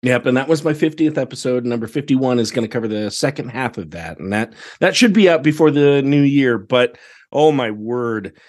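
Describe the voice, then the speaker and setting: An American theatre director chats casually as a podcast guest, telling stories full of exclamations and quoting himself. His medium-pitched voice is animated and a little mellow, at a normal speed.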